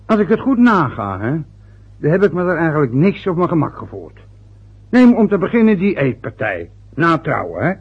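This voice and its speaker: A dull, lo-fi old radio recording carries an actor's full character voice: slightly high, husky, very animated, at normal speed. He plays the stubborn, hurt older father of a son who has just married, griping and lecturing in an aggrieved, rambling way full of hesitations.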